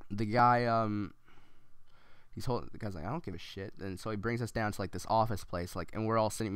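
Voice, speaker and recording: A man's voice: fairly low pitch, fairly bright tone, clean tone, no room sound. A man rambling through a story as casual gameplay commentary, with many ums and restarts.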